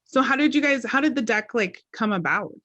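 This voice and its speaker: A woman hosting an interview over a video call from home, gushing and bubbly, with quick excited bursts. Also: on the high side, dry recording. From South Dakota. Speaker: host.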